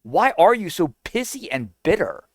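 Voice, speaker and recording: A man's voice: high voice, sing-song, normal speed. A man giving an indignant, argumentative reaction commentary, now and then mocking others in a sing-song voice.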